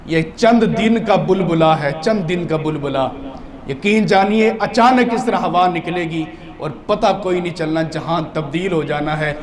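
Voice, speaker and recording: A man preaching in a mosque, with a high voice that drops low for stories and then rises into loud, fervent cries. The congregation is clearly heard around him. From Pakistan. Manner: swings from low storytelling to loud impassioned shouting. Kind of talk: sermon.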